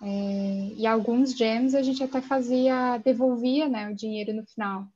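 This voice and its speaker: A woman's voice: on the high side, steady tone, a little slow, a little mellow. Chatty woman on a dull lo-fi line. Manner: chatty, conversational. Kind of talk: casual chat before a live event. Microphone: headset earphones. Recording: dull lo-fi sound with faint noise.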